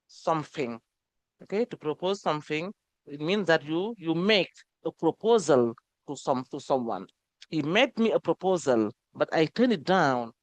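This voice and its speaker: A woman teaching an English grammar lesson, who repeats each word slowly and keeps saying okay. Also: deep voice, dry recording.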